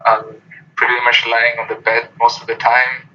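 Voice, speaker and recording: A man's voice: medium pitch, completely flat delivery, normal speed, bright, forceful tone, a little hiss or hum. A young man from Pakistan, a student guest on a podcast, speaking hesitantly with many fillers. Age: young adult. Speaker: guest, former student council president. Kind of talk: casual interview. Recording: dull lo-fi home recording.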